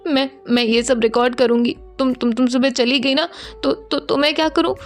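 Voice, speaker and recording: A woman's voice: high-pitched, fairly even intonation, normal speed, soft background music, pitched above the performer's own voice, natural voice. A woman voicing a crying young woman who stammers and repeats her words as she pleads with her lover. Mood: tearful pleading.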